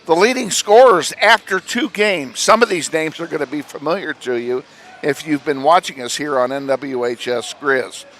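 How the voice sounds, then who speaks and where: Folksy man recapping a tournament, higher voice. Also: normal speed, a bit bright. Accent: Midwestern American. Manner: informal, frequent fillers and self-corrections. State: slightly out of breath. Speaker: play-by-play broadcaster. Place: school gym broadcast booth.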